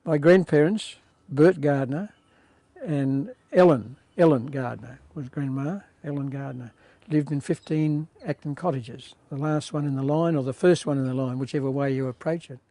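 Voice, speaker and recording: An older man recalling visits to his grandparents, pausing to search for details. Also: on the high side, dark tone, no echo. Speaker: oral history interviewee.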